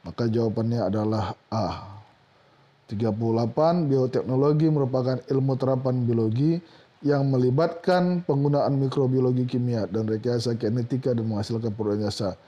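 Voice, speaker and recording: Man calmly explaining exam answers. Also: mid-range voice, normal speed, muffled recording. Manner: reads questions and answers in a steady, plain lecturing tone with occasional fillers. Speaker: teacher.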